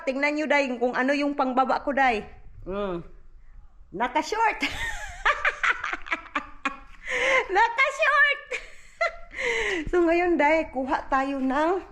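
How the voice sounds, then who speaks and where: A chatty woman from the Philippines with a high voice runs a casual home vlog. She talks straight to her viewers and keeps calling them "day" and "inday". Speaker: vlogger mother. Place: at home indoors.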